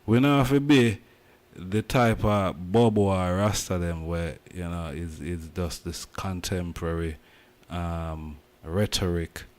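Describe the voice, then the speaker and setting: A man's voice: deep voice, steady tone, measured pace. A man from Jamaica with a Jamaican accent, talking emphatically in patois as host of a casual commentary.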